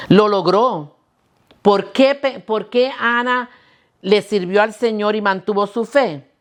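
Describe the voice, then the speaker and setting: Woman pastor, sermon delivery, questions put to the listeners, mid-pitched voice. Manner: asks the listeners questions, restarts words.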